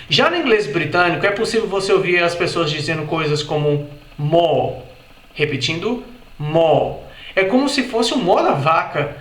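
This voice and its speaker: A man with a Brazilian Portuguese accent giving an explanatory video lesson, repeating example words slowly and carefully. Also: high voice, a bit bright, roomy sound. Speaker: English teacher.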